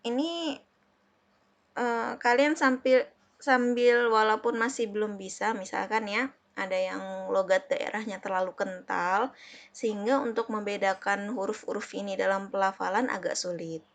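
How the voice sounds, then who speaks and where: A woman's voice: medium pitch, steady tone. Patient woman teacher sounding out letters. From Indonesia. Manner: patient, repeats and slowly sounds out examples. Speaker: Arabic teacher. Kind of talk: classroom lesson explaining letters.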